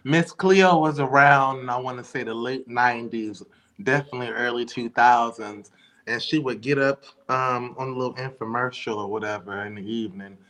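A man co-hosting a casual podcast chat, relaxed and teasing with quick asides. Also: medium pitch. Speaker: podcast co-host.

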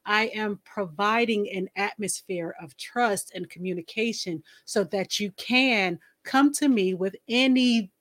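A young woman co-hosting a casual chat, blunt, laughing often and mimicking soft coaxing voices. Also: medium pitch. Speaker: podcast co-host.

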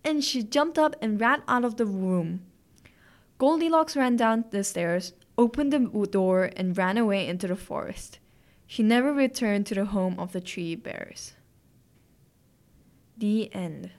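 A woman narrating classic fairy tales as a podcast host, in a clear, gentle storytelling manner. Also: medium pitch, a little slow.

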